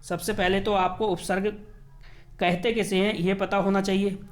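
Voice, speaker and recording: A man who teaches by walking through an exam paper, slowly repeating key words and asking and answering his own questions. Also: sits high, flat delivery.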